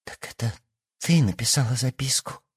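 A man reading an audiobook and voicing a timid, tearful teenage schoolgirl who pleads in a high, frightened voice. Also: moderate pace, breathy edge. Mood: bitter pleading.

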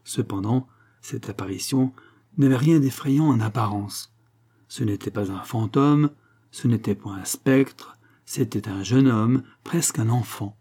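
Mellow male audiobook narrator. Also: medium pitch, slightly rough. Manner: measured, dramatic reading. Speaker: audiobook reader. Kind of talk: scripted narration of a classic novel.

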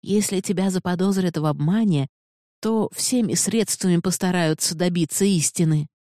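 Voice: medium pitch, normal speed, dark tone, no echo, natural voice. A reader voicing a brave young woman who stands up firmly to armed guards, in a dry, close recording. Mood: urgent. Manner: firm, imploring. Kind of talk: audiobook character voice.

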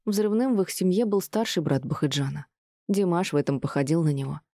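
A woman reading a novel aloud in an expressive audiobook narration. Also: lowish voice, brisk, no echo, clean studio sound. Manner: expressive, even storytelling.

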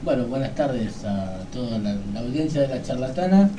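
An Argentine man, a radio sports commentator, gives casual interview answers in a medium-pitched, expressive voice at a moderate pace. He sounds hesitant, repeats words, and often adds verbal tags. The room is noisy and the microphone is distant.

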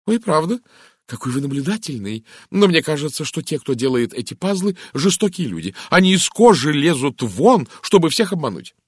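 A man voicing a nervous, chatty middle-aged American woman in an audiobook, raising his voice high and gushing. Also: big pitch swings, normal speed, slightly rough, no echo, studio quality.

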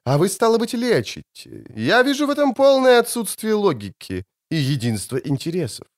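A man's voice: fairly high pitch, very animated, unhurried, fairly bright tone, pitched above the performer's own voice. A man voicing a cold, cruel male elf commander who drawls his words in a sinister, mocking way. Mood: menacing.

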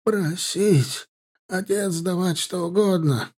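A man's voice: high voice, takes it slowly, a little mellow, breathy edge, pitched above the performer's own voice, heavily acted. Man voicing a terrified young captive fighter. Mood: pleading. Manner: pleading, sobbing, broken grammar. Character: young male enemy fighter, terrified captive, broken Russian.

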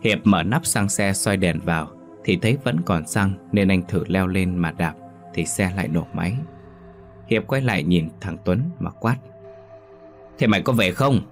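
A man with a very low, deep voice reads a ghost story aloud in a steady storytelling manner. Faint music plays behind him. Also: normal speed. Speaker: story narrator. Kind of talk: scripted ghost story narration.

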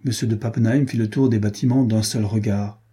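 A man reading a historical novel aloud in steady, measured scripted narration. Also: on the low side, husky. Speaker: audiobook narrator.

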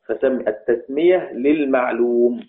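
A man teaching Quranic readings in a lecture, asking his students questions and answering them himself, slowing down to recite verse lines. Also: mid-range voice. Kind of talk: classroom lecture. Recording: tinny phone-like recording.

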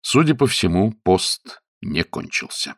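A man narrating a story aloud in a lively, expressive reading style. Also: deep voice, takes it slowly, vocal fry, no room sound, studio quality. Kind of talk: audiobook narration.

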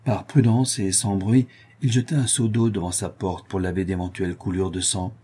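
A man reading a historical novel aloud in a steady, measured way. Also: deep voice, slightly rough. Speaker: audiobook narrator. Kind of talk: scripted narration of a historical novel.

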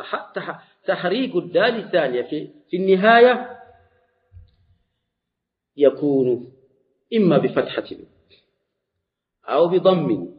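A man gives a grammar lesson in a slightly high voice, going over each point slowly and repeating words. The recording is dull and lo-fi. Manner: slow, repeats and restarts words while explaining. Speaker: teacher.

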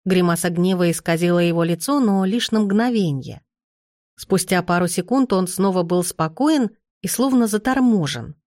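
A woman narrating a fantasy audiobook in the first person with calm, measured reading. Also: lowish voice, no room sound, clean studio sound.

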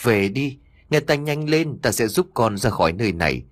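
A secretive male spirit hurries someone along with stern commands, as a man reading the story puts him on. The voice is husky and dry, and it rises and falls a lot. He sounds urgent and will not explain himself. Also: mid-range voice, very animated, moderate pace, no echo. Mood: stern urging.

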